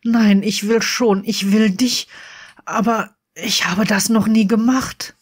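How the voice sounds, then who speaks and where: A reader voicing a shy male wizard in his forties, hesitant and earnest, a little higher than the narration. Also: steady tone, slow pace. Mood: nervous. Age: 40s. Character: 43-year-old shy, nervous male wizard.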